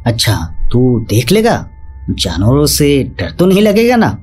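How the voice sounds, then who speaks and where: A man's voice: medium pitch, huge pitch swings, a little slow, a little mellow, slightly rough, soft background music, heavily acted. A man voicing a grumpy, irritable old male farmer who is the narrator's grandfather. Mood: gruff. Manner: irritable, scolding.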